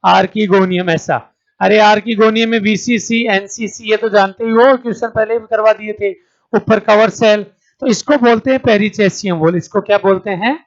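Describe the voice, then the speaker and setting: A man's voice: high-pitched, steady tone, moderate pace, lo-fi sound. A man teaching an exam-prep lecture, who asks the class each question and then answers it, calling his students "beta" and checking in with "theek hai". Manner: calls students 'beta', checks understanding with 'theek hai'.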